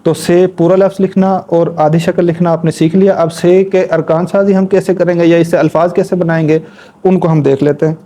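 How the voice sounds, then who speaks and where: A man's voice: sits high, little pitch movement, dark tone. Patient man teaching letters. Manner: patient, spells out letters slowly and repeats words; talks while demonstrating at a board. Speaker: Urdu writing teacher. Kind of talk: instructional lesson.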